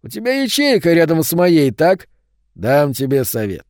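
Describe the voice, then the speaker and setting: A man voicing a hulking teenage bully who drawls slow, loud, mocking threats. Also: on the high side, huge pitch swings, no room sound, studio quality, pitched above the performer's own voice. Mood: menacing.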